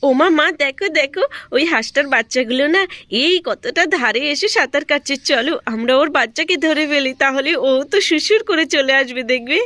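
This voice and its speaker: A woman voicing an eager little girl in a cartoon who talks in an excited, pleading way. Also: high voice, a little fast, no room sound.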